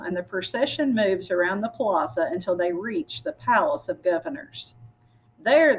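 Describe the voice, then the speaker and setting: A woman reads a picture book aloud as a storyteller, addressing her listeners directly. Her mid-range voice is slightly husky, and the recording is rough.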